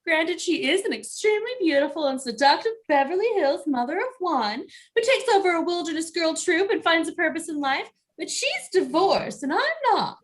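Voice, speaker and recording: A woman's voice: very high-pitched, animated, normal speed, hardly any pauses. A woman playing a glamorous, vain, playful mother with an airy manner in a comedic script reading. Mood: haughty, vain.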